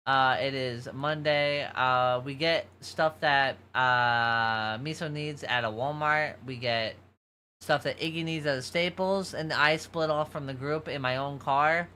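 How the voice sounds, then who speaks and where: A young man with a bright, forceful voice and a slight New York accent rambles through a story in casual stream chat. He often loses his thread and circles back, with faint noise behind him. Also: mid-range voice, measured pace.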